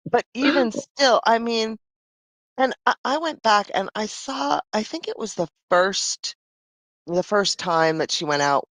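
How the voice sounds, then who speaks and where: A woman's voice: fairly low pitch, a bit bright, no room sound. Chatty woman hosting a live stream. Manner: chatty, rambling, frequent "I mean" and "right?". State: losing her voice. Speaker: livestream host. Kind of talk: casual live-stream chat.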